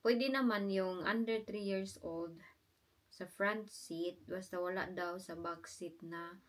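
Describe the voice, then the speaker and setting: A woman's voice: steady tone, takes it slowly. A mother, chatting casually at home in a vlog and cooing baby talk to her infant. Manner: drops to soft, low-key talk when explaining. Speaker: mother vlogging family life.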